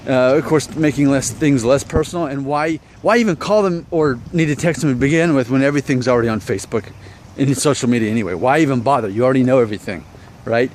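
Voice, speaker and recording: A thirtysomething man talks fast in a medium-pitched, darkish voice, with slight background noise behind him. Hosting an opinion vlog, he addresses viewers conversationally, mocks himself, and keeps throwing out rhetorical questions.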